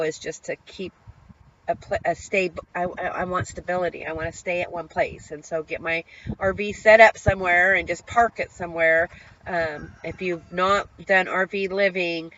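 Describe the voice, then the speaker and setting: A woman's voice: on the low side, fairly bright tone. A middle-aged woman speaks in a personal video diary, open and heartfelt. She rambles a little, with plenty of ums and restarted sentences. The audio is slightly dull and lo-fi. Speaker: vlogger sharing her recovery.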